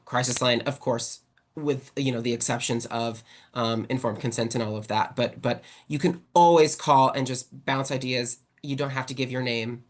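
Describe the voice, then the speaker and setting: Chatty woman presenting on a video call. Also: rumbling low. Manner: chatty, fills with "like". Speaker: guest presenter on sexual violence support. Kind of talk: casual webinar presentation.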